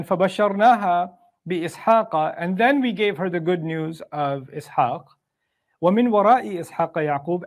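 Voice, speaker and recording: Brief: male Quran teacher, slightly higher-pitched voice, chatty explainer who recites Arabic verses and checks in with his listeners. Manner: conversational, asks rhetorical questions. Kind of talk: Quran commentary lecture.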